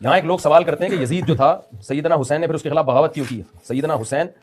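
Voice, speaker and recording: A middle-aged religious scholar with a Pakistani Urdu accent answers interview questions in a slightly high voice, speaking fast. He lectures emphatically and slips in joking asides.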